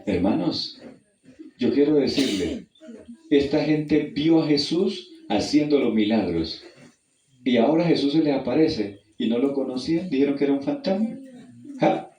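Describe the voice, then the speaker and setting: A man preaches a sermon and talks straight to his listeners, calling them brother. His voice drops low and quiet in some passages and climbs high and loud when he reads the scripture. The sound is roomy and he is heard from some distance. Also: animated, moderate pace. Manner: addresses listeners directly as brother, asks them questions. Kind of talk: evangelistic sermon with personal story.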